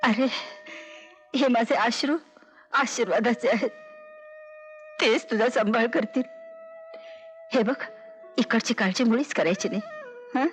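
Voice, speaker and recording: An actress playing a gentle, loving mother in an old film. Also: a little high, a little slow, long pauses, soft background music, natural voice. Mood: tearful. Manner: gentle, emotional, tearful at parting. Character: loving middle-aged mother, tender and kindly.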